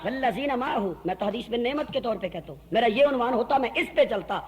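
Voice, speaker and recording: Brief Male preacher, strong Punjabi accent, very high voice, fiery oratory with sung couplets. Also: expressive. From Pakistan. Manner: fiery oratory that moves into sung verse and shouting; mixes folksy jokes with solemn appeals. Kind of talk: sermon. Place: mosque.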